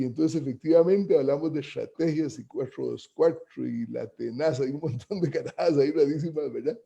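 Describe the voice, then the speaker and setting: Gravelly, dark-voiced man. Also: on the high side. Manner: didactic, rhetorical questions, frequent tag questions. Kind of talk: reflective talk-show monologue. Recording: dull lo-fi broadcast audio.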